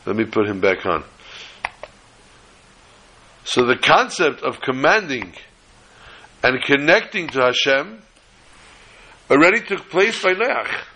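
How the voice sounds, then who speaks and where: Bright-voiced man teaching Torah. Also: medium pitch, very animated, slight background noise, rough recording. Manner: deliberate, didactic, repeating phrases for emphasis. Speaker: rabbi giving a Torah lesson. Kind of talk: religious lecture, reading and explaining texts.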